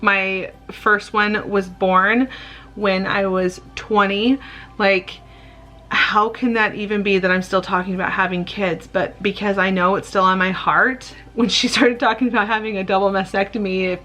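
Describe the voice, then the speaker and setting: A woman's voice: medium pitch, bright, forceful tone. A woman in her late thirties talking candidly and a little rambling in a personal vlog, open and tender with small laughs. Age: late 30s. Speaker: vlogger.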